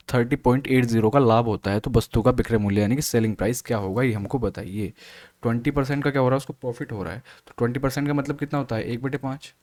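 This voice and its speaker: Male math tutor, steady step-by-step exam walkthrough, quizzes then answers himself. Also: mid-range voice. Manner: steady step-by-step explaining, asks and answers own questions. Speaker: math teacher.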